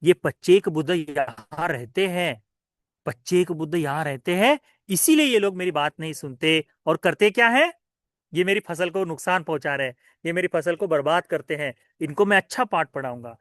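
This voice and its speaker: A man's voice: on the high side, lively intonation, moderate pace, a bit bright, dry recording, studio quality. A man voicing an angry farmer who scolds passers-by in a told story, repeating his orders. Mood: scolding. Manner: scolding, repetitive pleading. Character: angry male farmer guarding his crops.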